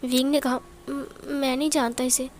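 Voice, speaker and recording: A woman's voice: high voice, little pitch movement, moderate pace, darkish tone, soft background music. A woman narrating a romance fanfiction story, reading every character's lines herself in a lightly dramatic voice.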